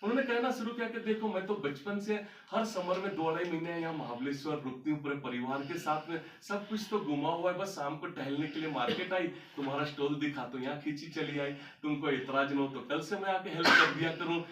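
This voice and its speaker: A man's voice: on the high side, fairly quick, few pauses, pushed and bright, distant mic, a little hiss or hum. A man telling a story about his life to an audience as a motivational speaker, recorded in a large hall. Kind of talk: storytelling talk on stage.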